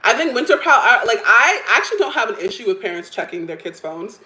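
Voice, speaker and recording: A woman's voice: a little high, big pitch swings, quick pace, bright, forceful tone. Thirties woman host, opinionated and chatty, laughing often, roomy echo on the recording. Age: 30s. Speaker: livestream host. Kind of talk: casual chat reacting to stories and chat comments.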